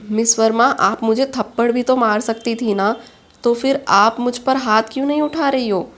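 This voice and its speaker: A woman's voice: on the high side, steady tone, normal speed, lightly acted. A woman voicing a remorseful, smitten young male boss in a storybook reading, speaking in an earnest, pleading way. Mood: teasing.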